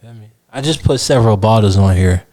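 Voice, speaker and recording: A man co-hosting a podcast, telling loose slang-heavy stories in casual chat that often trail off quietly. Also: lowish voice, a little fast. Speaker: podcast co-host.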